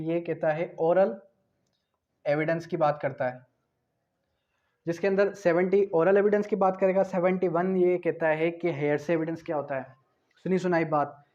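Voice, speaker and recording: Speaking at normal speed, a man with a somewhat high, darkish voice and fairly even intonation explains the law with a Pakistani accent. He asks and answers his own questions like a teacher, moving between Urdu and English terms, captured in dull lo-fi lecture audio.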